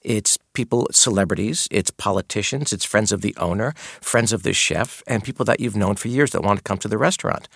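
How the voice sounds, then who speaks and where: A man's voice: on the low side, a little fast, creaky, hardly any pauses, fairly bright tone, no echo, studio quality. A middle-aged man who worked as a maitre d', answering interview questions with earnest storytelling. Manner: earnest storytelling, quotes guests in his retelling.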